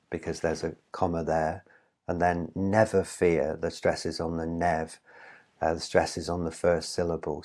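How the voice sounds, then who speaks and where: Guy with a deep voice doing a chill intro lecture on reading poems, asks you questions, says um a bit. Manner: explanatory, asks the viewer rhetorical questions; relaxed with occasional "um" fillers. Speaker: literature professor.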